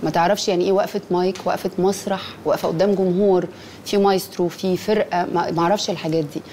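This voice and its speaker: A woman's voice: on the low side, fairly even intonation, very fast, dark tone, a little hiss or hum. A woman with an Egyptian accent, a singer chatting as a guest in an interview. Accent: Egyptian Arabic. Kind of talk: casual interview chat.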